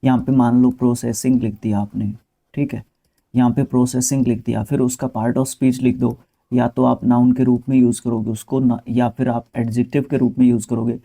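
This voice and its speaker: This Indian-accented English vocabulary teacher goes over a spelling lesson in a patient, relaxed manner, speaking directly to his students. His middle-pitched voice is very dark, mellow and gravelly, delivered at normal speed and sprinkled with casual fillers and side comments.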